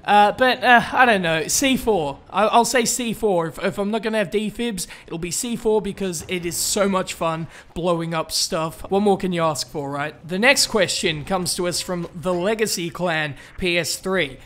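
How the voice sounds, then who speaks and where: Young Aussie YouTuber, higher-pitched man, chatty and upbeat, answering viewer questions casually. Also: normal speed, hardly any pauses, a bit bright. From Australia. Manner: chatty and upbeat, with fillers and restarts. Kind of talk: casual Q&A vlog.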